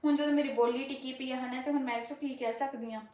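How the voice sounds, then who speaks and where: A woman's voice: high-pitched, steady tone, quick pace, darkish tone, slight background noise. Chatty young Punjabi woman, echoey kitchen. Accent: rural Malwa Punjabi. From Punjab, India. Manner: chatty, rambling, frequent filler tags. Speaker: cooking vlogger. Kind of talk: casual chat while cooking. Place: home kitchen.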